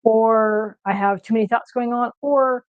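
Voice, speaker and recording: A middle-aged American woman chats with viewers on a home cooking stream. She rushes her words when she gets excited and stops now and then to find the next one. The sound is dull and lo-fi, with a dry, close feel. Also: on the high side, no room sound. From United States. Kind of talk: casual chat on a cooking stream. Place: home kitchen.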